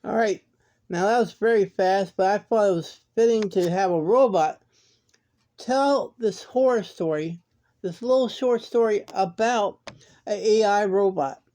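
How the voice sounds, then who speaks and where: A woman hosts a horror story channel in a casual, chatty way. Her tone is mellow and warm, and she keeps coming back to "now" as she talks. Her pitch sits in a middle range. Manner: relaxed, chatty, repeats "now". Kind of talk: casual chat to viewers.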